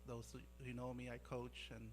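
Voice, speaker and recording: A man giving a short speech as the new mayor at a council meeting, steady with frequent fillers. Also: medium pitch, normal speed, music in the background.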